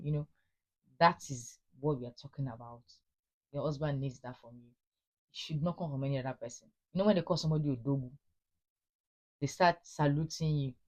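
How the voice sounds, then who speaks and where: A woman's voice: rumbling low, dark tone, dull audio. A middle-aged woman giving earnest, encouraging marriage advice and repeating phrases for emphasis. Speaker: marriage advice channel host. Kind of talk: casual advice talk to wives.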